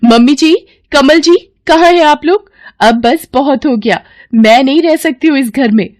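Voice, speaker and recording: A woman voicing a vain, spiteful young sister-in-law who talks in a shrill, haughty way in a cartoon story. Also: animated, moderate pace, a little mellow, dry recording, studio quality, natural voice. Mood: shrill complaining.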